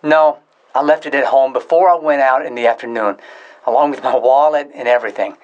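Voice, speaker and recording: A man acting an awkward, troubled friend sheepishly asking for help in a scripted dialogue, hesitant but clearly spoken. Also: medium pitch, fairly quick, highs cut off, close to an everyday voice.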